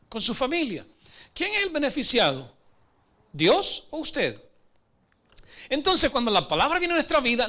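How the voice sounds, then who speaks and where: A man's voice: very high-pitched, pushed and bright. A man preaching in church, earnest, repeating words and acting out voices in his stories. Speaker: pastor. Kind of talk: sermon.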